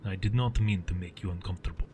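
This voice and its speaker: A man putting on a deep rumbling Egyptian general, Arabic accent, formal and pointed, low soft delivery, faint hiss. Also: lightly acted. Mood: apologetic. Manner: measured, formally polite, pointed. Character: calm, imposing Egyptian general, adult man.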